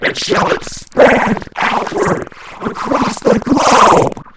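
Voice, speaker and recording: A possessed demon queen, gloating in a breathy, unvoiced voice. She proclaims very slowly and grandly. The recording is very noisy and echoey. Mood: gloating, grandiose. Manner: possessed-sounding, slow and grandiose. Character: possessed, demonic villainess, a gloating self-declared god. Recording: noisy, echoey, distant mic.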